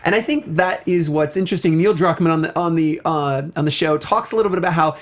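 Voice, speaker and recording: Speaking quickly at a middle pitch, a co-host of a casual review show is chatty and emphatic, peppering the talk with slangy asides and mock quotes.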